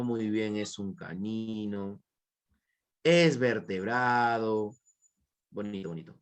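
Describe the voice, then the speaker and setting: Man, teacher, Peruvian Spanish accent, animated intonation, repetitive, asks questions, praises answers. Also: medium pitch. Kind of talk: online class lecture.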